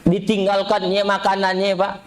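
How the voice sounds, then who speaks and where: A man's voice: sits high, monotone, moderate pace, low-quality recording. This is a man, preaching a humorous sermon at a mosque gathering. He tells his stories with energy and acts out the voices of the people he quotes.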